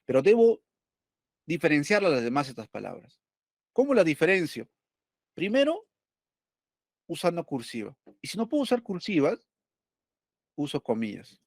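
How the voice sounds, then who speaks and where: A man's voice: fairly high pitch, very animated, moderate pace, gravelly, pauses often, darkish tone, dry recording, studio quality. A male teacher going over test questions, explaining step by step and asking and answering his own questions.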